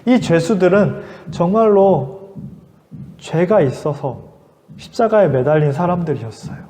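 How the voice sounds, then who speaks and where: High-voiced man telling a Bible story to kids. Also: expressive, unhurried, warm tone, big-room sound. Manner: vivid storytelling, shifting into character voices. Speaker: children's ministry preacher. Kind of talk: storytelling sermon for children.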